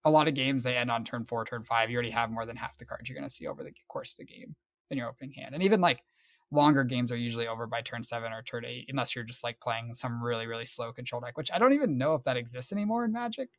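A man co-hosting a podcast, explaining in a relaxed, casual way with filler words. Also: medium pitch, fast. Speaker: podcast co-host. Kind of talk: casual chat.

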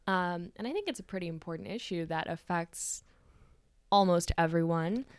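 A teenage girl with a fairly low voice co-hosts a political podcast. She talks loosely, with plenty of fillers, and often lets her sentences trail off quietly. The recording is dead dry. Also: normal speed, clear, resonant tone, dry recording. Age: teens. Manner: casual, filler-heavy, trailing off softly. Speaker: podcast co-host. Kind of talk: casual political podcast chat.

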